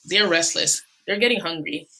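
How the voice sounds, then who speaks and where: A woman's voice: fairly low pitch, moderate pace, bright, forceful tone, slight background noise. A woman voicing an earnest teenage boy who looks after young falcons, speaking a bit breathlessly. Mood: gentle.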